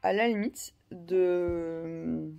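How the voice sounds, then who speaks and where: A woman's voice: lowish voice, fairly even intonation, drawn-out words, gravelly, lo-fi sound, soft background music. A woman in her thirties chatting casually in a vlog, rambling with many fillers and restarts. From France. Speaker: vlogger.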